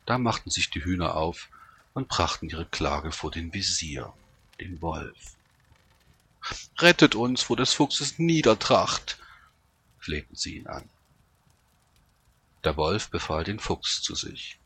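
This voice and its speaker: A deep male voice reads a fairy tale aloud with measured, expressive pacing. The tone is heavily husky yet bright and forceful in its attack. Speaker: storyteller.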